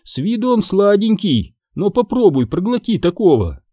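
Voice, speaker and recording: A man reads as a cheeky old barmaid, teasing and pleased with herself, pitched well above his narrating voice. The tone is dark and mellow, and the recording is dry. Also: very animated, normal speed, breathy edge, dry recording, heavily acted. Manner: playful, teasing.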